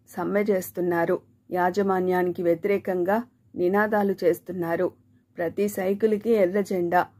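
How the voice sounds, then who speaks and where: Woman telling a story, dark mellow voice, acts out the lines. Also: medium pitch. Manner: acts out dialogue with shifts in loudness. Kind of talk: scripted story narration.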